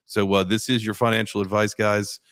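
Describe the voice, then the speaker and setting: A man's voice: lowish voice, level tone, a little fast, a bit bright, no echo, clean studio sound. A man hosting a talk show in an informal, jokey, chatty way. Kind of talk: casual chat.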